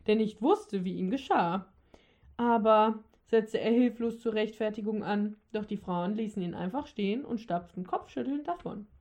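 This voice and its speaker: A woman narrating a humorous Christmas story aloud, lively, with the odd slip and restart. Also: mid-range voice. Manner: lively reading with occasional slips and restarts. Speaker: audiobook narrator.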